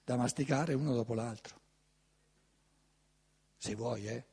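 An older man giving a conference talk in a lecture hall, animated and conversational, often asking his audience rhetorical questions. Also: mid-range voice, slow pace, husky.

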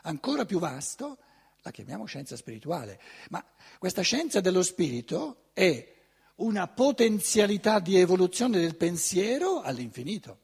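An older man lecturing to a hall, his voice deeply raspy and worn. He speaks in an animated, conversational way, swinging his pitch widely and tossing out rhetorical questions. The tone sits a little higher than most men's. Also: normal speed. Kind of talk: conference talk.

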